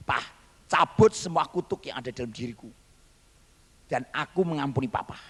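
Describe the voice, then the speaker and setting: Husky animated preacher in a hall. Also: male voice, medium pitch, normal speed. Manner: animated storytelling, acting out quoted voices. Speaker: pastor. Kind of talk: sermon testimony.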